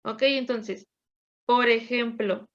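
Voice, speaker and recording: A woman's voice: a little high, steady tone, slow, fairly bright tone, dull audio. A woman teacher, patiently drilling verb conjugations with her class. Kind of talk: classroom lesson.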